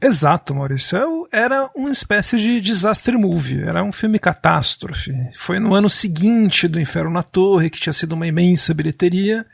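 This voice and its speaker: A man's voice: high voice, lively intonation, normal speed, creaky, hardly any pauses, a bit bright, breathy edge, no room sound, studio quality. A man co-hosting a podcast, explaining film history fluently in a storytelling way. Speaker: podcast co-host. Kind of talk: casual film music discussion.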